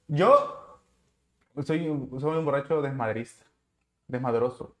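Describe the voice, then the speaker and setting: A man's voice: medium pitch, takes it slowly, fairly bright tone, roomy sound. A man with a Mexican Spanish accent telling a rambling party story in a casual chat, searching for words.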